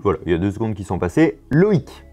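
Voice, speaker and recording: A man's voice: lowish voice, sing-song, fast, dark tone, soft background music. A man in his thirties hosting a casual educational video, explaining a memory trick and often repeating words as he goes.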